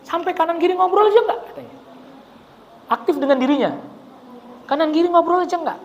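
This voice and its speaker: A male preacher giving a casual religious study talk in a mosque, lively and colloquial, acting out the people he describes. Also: very high voice, a little fast, gravelly, dull audio, a little hiss or hum. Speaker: Islamic preacher.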